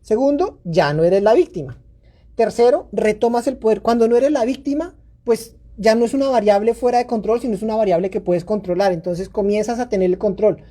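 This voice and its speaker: Warm, mellow-voiced woman giving parenting advice. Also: a little high, a little fast. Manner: earnest, coaching, acts out scolding parent voices. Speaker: parenting podcast host. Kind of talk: casual advice talk.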